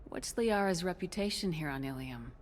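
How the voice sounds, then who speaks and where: A woman's voice: fairly low pitch, animated, normal speed, a little hiss or hum, natural voice. A woman playing a composed, direct human military commander in video game dialogue. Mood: calm, curious.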